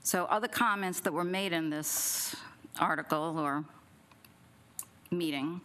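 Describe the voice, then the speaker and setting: Slow, pushed and bright, a middle-aged woman's low-side voice comes through the gooseneck mic at a city council podium, with slight background noise. As a resident giving public comment, she reads partly from notes and presses pointed questions.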